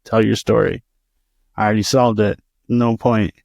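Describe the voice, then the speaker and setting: A man's voice: fairly low pitch, steady tone, normal speed, gravelly, darkish tone, no room sound. A man co-hosting a podcast who chimes in with jokes and teasing remarks in casual banter. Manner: joking, teasing interjections. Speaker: podcast co-host.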